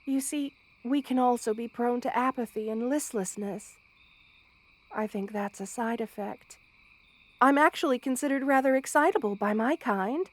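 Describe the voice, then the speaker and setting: A woman voices a gentle, motherly spider queen, a monster woman two hundred years old, in an intimate ASMR roleplay spoken straight to the listener. Her voice is high and tender, close to an everyday voice, and her measured, formal phrases are meant to soothe in a reflective mood.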